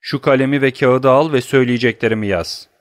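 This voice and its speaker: A man's voice: medium pitch, fairly quick, clean tone, dry recording, studio quality, natural voice. A man voicing a stern commanding disguised nobleman. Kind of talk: audiobook character voice.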